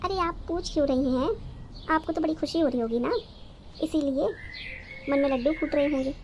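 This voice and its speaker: A combative young wife with a sharp tongue and a high voice, who scolds and mocks at every turn, as a woman voices her. She is the resentful daughter-in-law of a cartoon family story. Her delivery is sarcastic and quarrelsome. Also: normal speed, slight background noise, close to an everyday voice. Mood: angry.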